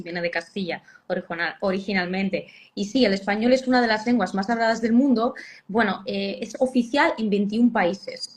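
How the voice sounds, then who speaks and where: A woman with a Spanish accent from Spain, a guest philologist explaining language patiently with frequent hesitation sounds. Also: a little high. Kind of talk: explanatory interview talk.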